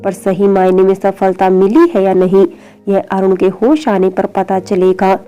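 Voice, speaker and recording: A woman voicing a calm male surgeon who gives news in a measured, reassuring way. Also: medium pitch, muffled recording, natural voice. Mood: serious.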